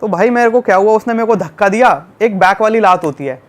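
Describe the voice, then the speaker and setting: This podcast guest, a young man from Delhi, recounts a story at a quick pace in an easygoing chat. His pitch runs high for a male voice, and he stresses things energetically, repeating words for effect.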